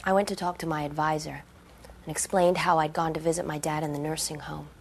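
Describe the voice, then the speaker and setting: A husky, worn-out young resident. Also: female voice, deep voice, little pitch movement, a little fast. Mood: bitter. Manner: tired, strained. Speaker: medical resident.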